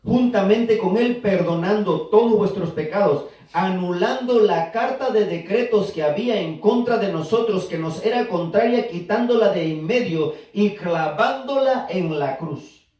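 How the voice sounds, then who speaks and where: A man sits high in pitch and speaks a little slowly, with a darkish tone, as he preaches. He teaches and prompts the congregation to answer him, recorded from far away in an echoey church.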